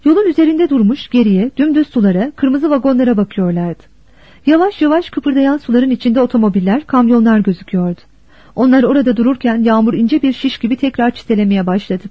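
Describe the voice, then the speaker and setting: A woman narrating a novel as an audiobook in a steady, expressive storytelling manner. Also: a little high, fairly quick, slightly rough, dry recording. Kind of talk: scripted narration. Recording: dull dry lo-fi recording.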